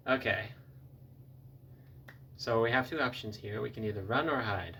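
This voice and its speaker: A man's voice: mid-range voice, normal speed, gravelly. A man giving casual reaction commentary as he plays through an interactive story. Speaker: gamer reacting to an interactive video. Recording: distant mic, faint noise.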